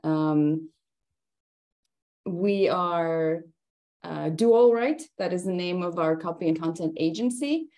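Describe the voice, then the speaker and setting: Brief: thirties woman, low warm voice, chatty workshop presenter, easy laughter. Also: animated, slow pace, long pauses. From Estonia. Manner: chatty, laughs between phrases, many fillers. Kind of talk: conversational presentation.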